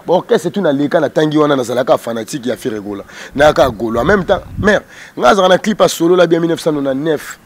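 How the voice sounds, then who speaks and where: A man in his thirties from the Democratic Republic of the Congo, with a Kinshasa accent, is interviewed on a porch outdoors as a music group's spokesman, mixing Lingala and French in a heated street exchange. A little high, animated and fast, he argues combatively and emphatically, repeating words into a handheld microphone amid slight background noise.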